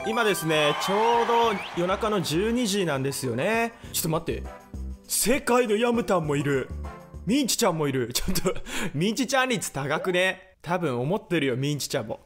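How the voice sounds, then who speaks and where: A man's voice: high-pitched, lively intonation, moderate pace. A man giving casual, chatty commentary as he hosts a gaming video. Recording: loud game music behind the voice. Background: video game music.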